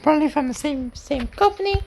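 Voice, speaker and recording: A woman's voice: sits high, expressive, brisk, vocal fry. A woman giving casual, simple running commentary as she presents a lift tour, recorded on location in a shopping centre. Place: shopping centre lifts and walkways. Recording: noisy handheld on-location recording.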